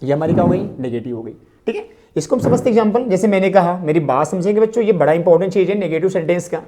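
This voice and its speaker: A woman teaching a grammar lesson to students, repeating key phrases slowly and asking rhetorical questions as she explains. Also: lowish voice, lively intonation, mellow.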